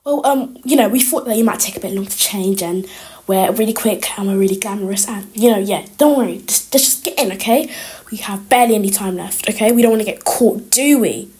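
A woman voicing chatty teen schoolgirls sneaking into a school, talking quickly with lots of fillers. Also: medium pitch, darkish tone, pitched below the performer's own voice, lightly acted. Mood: giddy. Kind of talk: toy-game roleplay voiceover.

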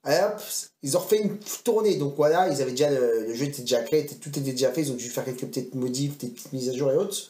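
A man's voice: medium pitch, quick pace, hardly any pauses, mellow. A man chatting casually and rambling in slang as he reviews games he has collected. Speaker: retro game collector vlogger. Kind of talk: casual chat. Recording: echoey room.

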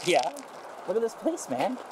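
A playful man talks casually at a lakeside campsite, his voice bouncing up and down in pitch. The camera audio is noisy, with outdoor sound and a dog around him. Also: huge pitch swings, normal speed. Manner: playful, joking. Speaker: vlogger on a camping trip. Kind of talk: casual chat. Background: outdoor ambience, dog.

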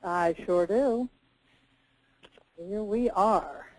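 A woman co-hosting a software training webinar, playful and teasing as she runs a poll. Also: mid-range voice, extremely slow, no room sound, poor audio. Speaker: webinar co-host. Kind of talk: webinar moderation.

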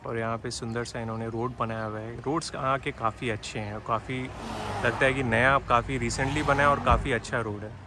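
A man's voice: medium pitch, fairly even intonation, brisk. Chatty man from Bihar narrating outdoors. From Bihar, India. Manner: chatty, explanatory, frequent filler hesitations. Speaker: travel vlogger. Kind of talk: casual walking-tour narration. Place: outdoors on a hillside road by the coast. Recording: outdoor street noise with passing traffic.

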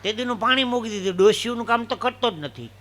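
Bright-voiced comedian from Saurashtra. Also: male voice, very high-pitched, fast. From Gujarat, India. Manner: animated joke telling with acted dialogue voices. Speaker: stand-up comedian. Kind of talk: live folk comedy storytelling.

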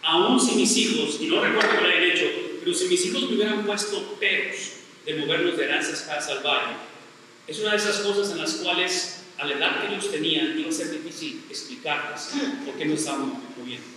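A man's voice: a little high, fairly quick, sharp tone. Emphatic preaching man in echoey hall. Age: middle-aged. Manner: emphatic, repeats phrases, asks rhetorical questions. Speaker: pastor. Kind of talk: sermon. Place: church sanctuary. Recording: very echoey church hall, voice from far off, faint noise.

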